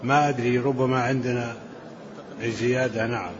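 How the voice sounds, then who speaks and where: A man's voice: mid-range voice, flat delivery, moderate pace. A man in a mid range comments on a text being read to him, explaining it plainly and dropping short affirmations. The sound is dull and lo-fi. A faint hiss runs underneath. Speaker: religious teacher commenting on the text.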